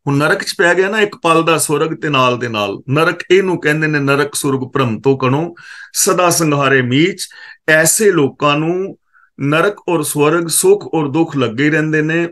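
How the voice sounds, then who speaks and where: A Punjabi man from India delivers a katha exposition of scripture in a fairly bright voice that sits slightly high for a man. He chants each verse slowly and drawn out, then explains it word by word like a teacher, stopping to correct pronunciation.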